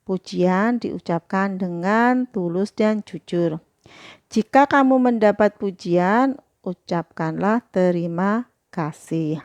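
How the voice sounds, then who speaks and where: A woman's voice: mid-range voice, takes it slowly, a little mellow, no echo. A woman primary school teacher, patiently explaining a lesson step by step. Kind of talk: recorded lesson walkthrough.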